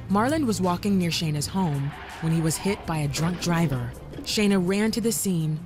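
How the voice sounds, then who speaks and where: A woman narrating a scripted documentary in a measured, even storytelling manner. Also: on the low side. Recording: soft music underneath.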